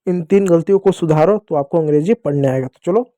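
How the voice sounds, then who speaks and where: High-voiced man teaching phonics. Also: fairly quick, warm tone, no echo. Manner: patient, repeats questions and answers them himself. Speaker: English teacher. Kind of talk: classroom-style phonics lesson.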